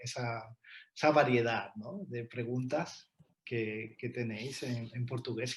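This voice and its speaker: A man co-presenting a textbook in an online talk, speaking in a hesitant way with many fillers and restarts over a video call. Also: medium pitch.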